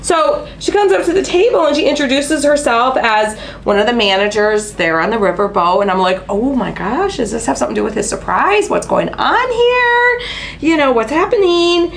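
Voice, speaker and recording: With a high voice, vocal fry, and normal speed, a craft channel host chats on her live stream over slight background noise. Her allergies give her a stuffy, nasal sound, and she rambles through stories with fillers and excited asides.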